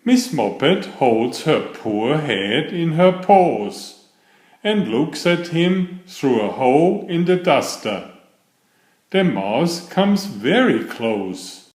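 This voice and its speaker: A male storyteller with a fairly high voice reads children's picture books aloud, narrating the scripted stories slowly and with lively energy. The room is roomy, giving his voice an echo.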